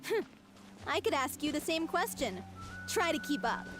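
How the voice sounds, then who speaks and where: A woman's voice: high voice, very animated, moderate pace, over music. An actress voicing a spirited, teasing young woman in a game scene. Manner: teasing, upbeat. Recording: game audio, faint background noise.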